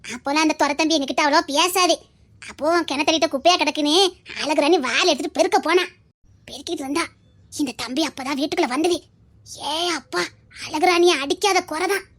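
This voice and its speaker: A woman's voice: high-pitched, a little fast, fairly bright tone, pitched below the performer's own voice. A woman voicing a blunt, wise old village grandmother with a Tirunelveli accent, scolding and teasing her granddaughter in a one-voice audio drama. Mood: gossiping. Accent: Tirunelveli Tamil.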